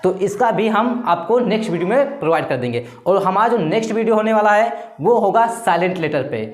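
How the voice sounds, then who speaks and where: A man's voice: high-pitched, animated, fairly quick. Man teaching grammar in an echoey room. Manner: keeps asking rhetorical questions and answering them himself. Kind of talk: explanatory classroom-style lesson. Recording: roomy echo.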